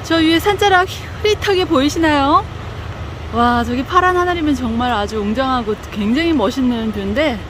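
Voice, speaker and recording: In this casual vlog narration, a woman with a high-pitched voice talks at normal speed while showing off a campground, chatty and full of exclamations. The outdoor phone recording has noticeable background noise.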